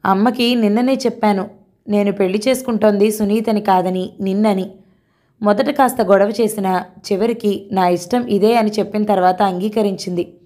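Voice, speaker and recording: A woman voicing an earnest young man who gently pleads and reassures his bride, in a mellow voice. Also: mid-range voice, fairly even intonation, moderate pace, lightly acted. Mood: tender.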